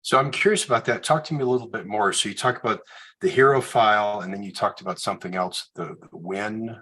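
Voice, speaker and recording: A man's voice: on the low side, fast talker, bright, forceful tone, breathy edge. A man hosting a podcast interview, asking questions and giving short encouraging replies. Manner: brief encouraging backchannels and questions. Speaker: podcast host.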